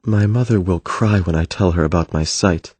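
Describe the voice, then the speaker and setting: A man voicing a gentle, thoughtful young prince in an audiobook, soft-spoken and reflective. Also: low-pitched, normal speed, slightly rough, no echo. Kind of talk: audiobook character voice.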